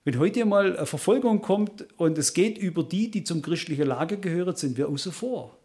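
Man, preacher, high voice, earnest, emphatic, addresses congregation directly. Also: animated, moderate pace, dark tone. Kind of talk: sermon to a congregation.

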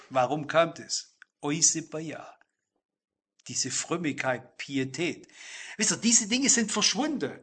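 A middle-aged man preaching a sermon, speaking straight to the congregation and slowing down to stress key phrases. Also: high voice, bright, forceful tone, breathy edge. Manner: addresses listeners directly, emphatic with slow stressed phrases.

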